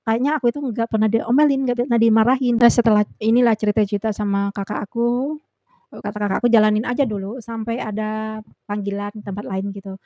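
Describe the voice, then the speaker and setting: A woman's voice: a little high, warm tone, no echo, highs cut off. A young woman vlogger telling a personal story in a casual, rambling way with many fillers.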